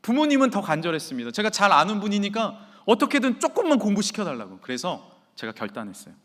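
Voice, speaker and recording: A man preaching a sermon as pastor in a church sanctuary, swinging from loud to near-whisper. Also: high-pitched, wildly swooping pitch, fast. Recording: reverberant church hall.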